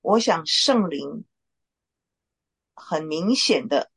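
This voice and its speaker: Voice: mid-range voice, lively intonation, drawn-out words, a bit bright, husky. A Bible study leader giving an informal sermon, talking conversationally with frequent filler particles.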